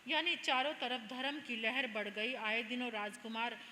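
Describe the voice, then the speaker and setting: Bright-voiced woman preaching in a hall. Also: on the high side, moderate pace, slight background noise. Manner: rhythmic, expressive narration. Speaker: Jain nun preacher. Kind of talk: chanting and devotional storytelling.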